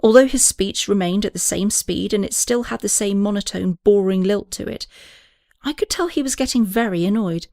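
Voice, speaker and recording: A woman's voice: mid-range voice, normal speed, a little mellow, no echo, clean studio sound. A woman reading an audiobook, narrating and voicing several characters with small shifts.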